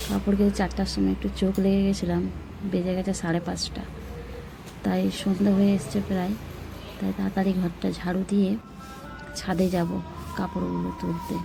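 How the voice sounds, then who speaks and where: A woman vlogging her evening routine at home in a soft, subdued voice, her throat troubled and the sound muffled. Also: medium pitch, level tone, a little fast, vocal fry, long pauses, music in the background. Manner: soft, subdued talk, speaking with lips half closed. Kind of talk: casual daily-routine narration. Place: home and open rooftop.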